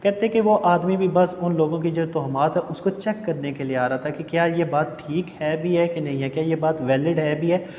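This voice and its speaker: A male teacher works through a book line by line, reading English slowly and then explaining each word's meaning at length. His voice sits slightly high. The recording is roomy, with a long reverb and a faint ambient hum. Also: steady tone, darkish tone.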